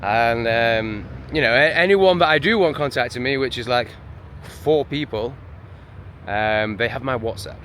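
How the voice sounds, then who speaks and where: Grumbling and cursing, an English vlogger lurches from one grievance to the next in a loose rant recorded at his house in town. Street sounds drift in, and his bright-ish mid-range voice carries a faint hum or hiss.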